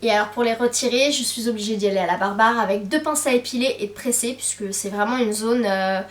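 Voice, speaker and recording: Young woman rambling through a beauty haul, lots of ums, highish voice, kinda far from the mic. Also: fast talker, roomy sound. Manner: chatty, many hesitant fillers. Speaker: beauty vlogger. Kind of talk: casual haul chat to camera.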